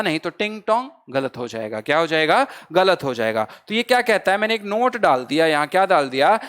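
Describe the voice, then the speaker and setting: A man with a high, smooth, resonant voice teaches an exam-prep grammar lesson. He asks a question, answers it himself and repeats it, in a lively, teasing way. He often calls his listeners brother and friends. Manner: lively, teasing, lightly humorous.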